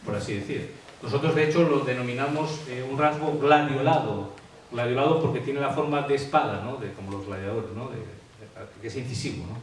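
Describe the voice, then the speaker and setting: A man's voice: mid-range voice, brisk, distant mic. A man from Asturias, a graphologist, explaining handwriting traits in an interview, full of hesitations and tag questions. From Asturias, Spain. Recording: echoey room, off-mic, faint hiss.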